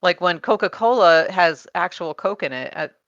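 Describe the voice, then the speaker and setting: A woman's voice: fairly low pitch, expressive, normal speed, a bit bright, no echo, highs cut off. A woman co-hosting a podcast, explaining her research in casual chat with many fillers and frequent laughs. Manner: chatty, laughs often, many fillers and restarts.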